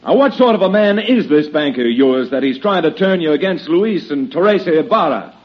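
An actor playing an earnest cowboy hero who also narrates, in an old radio western. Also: male voice, fairly high pitch, animated, brisk. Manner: firm and earnest. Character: steady heroic cowboy, male, narrator. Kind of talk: 1940s radio acting. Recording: dull old radio recording.

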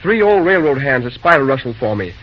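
An actor playing a busy young railroad dispatcher in an old-time radio drama, talking briskly in folksy slang. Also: male voice, medium pitch, big pitch swings. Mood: friendly, busy. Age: young adult. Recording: dull, noisy old radio recording.

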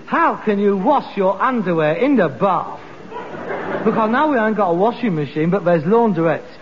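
An old, reverberant broadcast recording with clear noise, featuring a fussy middle-aged son in a sitcom. His London-accented voice swings dramatically up and down. He is theatrical, scolding and exasperated. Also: high-pitched, expressive, normal speed, lo-fi sound. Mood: weary, revolted. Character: exasperated, fussy grown-up son of old working-class father. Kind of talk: British sitcom acting.

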